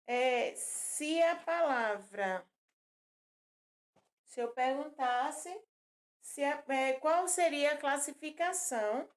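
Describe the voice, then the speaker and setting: A woman's voice: sits high, slow, pauses often. A woman teaching a children's lesson, patiently repeating words and counting syllables aloud. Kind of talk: recorded classroom lesson for children.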